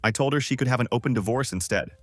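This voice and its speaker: A man's voice: medium pitch, racing, a bit bright, dry recording, soft background music, close to an everyday voice. A man voicing a cynical, divorced male friend who jokes sarcastically about women and marriage. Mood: wry. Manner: sarcastic, mocking.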